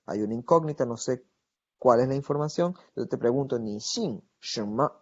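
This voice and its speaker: A man teaches a grammar lesson at an even, middle pitch. He is patient and explanatory, and often pauses to model phrases slowly. The recording sounds muffled and lo-fi. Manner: patient, explanatory, checks in with "¿verdad?"; slows down to model Chinese phrases. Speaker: Mandarin teacher.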